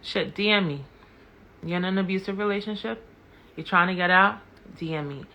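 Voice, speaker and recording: Woman with a bright, emphatic delivery. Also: medium pitch, normal speed, lo-fi sound. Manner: passionate, repeats words and questions for emphasis. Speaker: live-stream commentator. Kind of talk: impassioned live-stream commentary.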